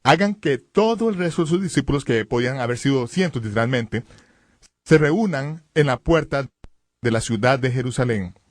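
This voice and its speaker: A man in a studio voice-over giving dramatic Bible teaching, emphatic and building to loud exclamations. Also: medium pitch, lively intonation, normal speed, no echo.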